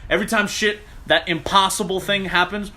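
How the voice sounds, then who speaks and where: Man, high voice, casual chat, laid-back, profane, chuckling. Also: steady tone, fairly quick, sharp tone.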